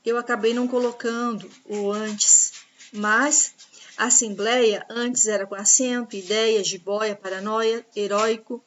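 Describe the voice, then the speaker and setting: Woman teacher going over grammar rules slowly, patient, a bit high-pitched, some faint hiss. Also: steady tone, dull audio. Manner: patient, explanatory, spells out examples slowly. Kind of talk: grammar lesson over slides.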